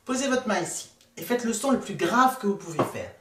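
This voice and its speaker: A woman's voice: mid-range voice, expressive, brisk, noisy background. A woman vocal coach giving a playful, demonstrative lesson, often laughing at herself and sliding between her voice registers. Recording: roomy sound from a distant mic, faint music.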